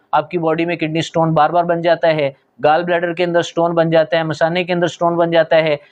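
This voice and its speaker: Instructive man with a slightly high voice. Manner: steady instructive, repeats a stock transition phrase, addresses viewers as friends. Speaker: homeopathic doctor. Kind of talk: explanatory health talk to camera.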